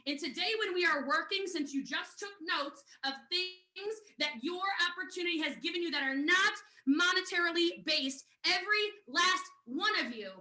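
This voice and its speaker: A woman from the United States leading a fast, energetic live online training on network marketing, talking to viewers in a chatty, direct way. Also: extremely high pitch, reverberant. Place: at home.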